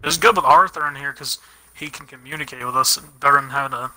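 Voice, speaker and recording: A man giving quick tactical callouts to his squad during an online game. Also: medium pitch, fairly even intonation, sharp tone, low-quality recording. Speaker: teammate. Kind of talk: casual gaming chat.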